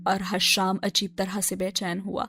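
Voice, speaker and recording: A woman's voice: mid-range voice, vocal fry. A woman narrating scenes from a novel, then chatting casually about the story as the channel's host. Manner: relaxed, chatty commentary. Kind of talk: novel reading and review. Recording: narration over background music. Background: background music.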